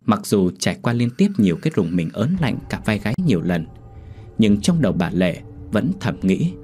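A man narrating a horror story in a steady, descriptive storytelling manner. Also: lowish voice, moderate pace, faint music behind.

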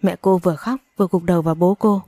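A woman's voice: on the low side, steady tone, fast talker, mellow, dry recording. A woman reading a dramatic story aloud and voicing every character with strong emotion. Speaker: audiobook narrator. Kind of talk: storybook narration with acted dialogue.

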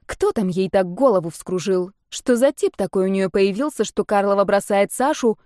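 A woman reads a romance novel aloud in a steady, measured voice. The recording is close and dry, with no room sound. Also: medium pitch, dry recording. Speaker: audiobook narrator. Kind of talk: romance audiobook narration.

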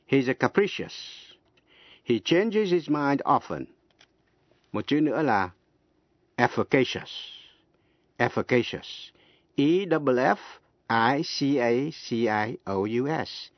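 Male radio teacher, slow and deliberate, spells out words one letter at a time, dull lo-fi broadcast sound, dry. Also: mid-range voice, dry recording. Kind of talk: radio language lesson.

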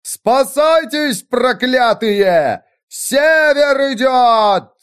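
A man's voice: extremely high pitch, expressive, drawn-out words, clean tone, voice pushed up, exaggerated voice. A man voicing a fierce widow who screams battle cries like a raging fury. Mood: furious yelling. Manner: shouting wild battle cries, cackling.

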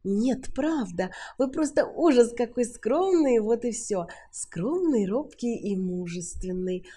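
A woman voicing a brazen, seductive woman who teases and coaxes in a breathy, mocking way, in an audiobook reading. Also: fairly high pitch, animated, takes it slowly, mellow, voice pushed up, heavily acted. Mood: gushing.

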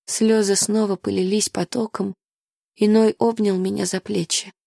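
A woman's voice: medium pitch, little pitch movement, moderate pace, creaky, dark tone, no echo, studio quality. A woman reading a first-person novel aloud as an audiobook, acting the heroine's lines with strong feeling. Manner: emotional, rising to pleading in the heroine's lines. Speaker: audiobook narrator.

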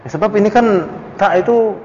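A man leads a study circle, his fairly high voice swinging up and down as he quizzes students. The sound is dull and lo-fi, with a long hall reverb and a faint hiss underneath. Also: normal speed. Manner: questions students by name, chuckles, animated pitch jumps. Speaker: ustadz teaching a classical Arabic text. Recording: dull lo-fi audio in a reverberant room.

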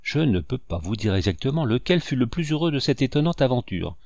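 A man reading a classic children's book aloud in measured, expressive narration. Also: mid-range voice, no room sound, studio quality. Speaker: audiobook reader.

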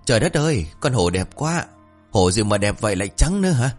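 A man voicing a cheeky, talkative young male villager who speaks in a raised, whiny, excitable voice. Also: lowish voice, brisk, soft background music. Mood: pleading.

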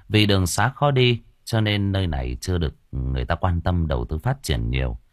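A man's voice: deep voice, no room sound. A man narrating a comic story as an audiobook reader, close to the mic.

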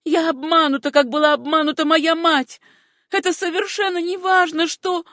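A wronged young woman, high-strung and defiant, her voice pitched high and pushed hard, as a woman reader plays her. The sound is close and dry, like an audiobook booth. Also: expressive, moderate pace, a bit bright, dry recording. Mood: desperate defiant. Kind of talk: audiobook character reading.

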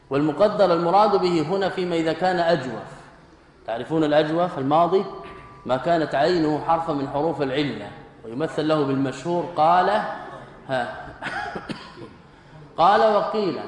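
A man with a fairly high voice gives a classical grammar lesson in a reverberant hall, with faint noise in the background. He poses questions to the class, then answers them himself, and drills each word form slowly. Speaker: sheikh teaching Arabic grammar. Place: lecture hall.

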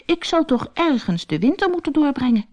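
A woman's voice: big pitch swings, brisk. A woman voicing a small, worried young male stoat in a children's storybook, anxious and pleading. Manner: anxious, pleading, high and bright.

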